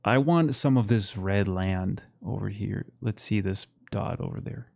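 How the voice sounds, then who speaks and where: A man co-hosting a casual chat, relaxed and laughing often, saying bro and dude. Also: fairly low pitch, a little slow, gravelly. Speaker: podcast co-host. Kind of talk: casual chat while browsing a map.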